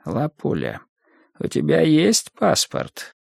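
A man's voice: a little high, very animated, normal speed, gravelly, no echo, pitched above the performer's own voice, full character voice. A man voicing a fussy, conspiratorial male fixer who murmurs urgent asides under his breath.

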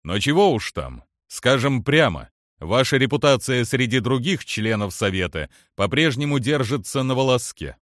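A man's voice: mid-range voice, very animated, normal speed, fairly bright tone, no echo. A man reading the lines of a seasoned alien male general in an audiobook, dry and guarded in tone. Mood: wry, guarded.

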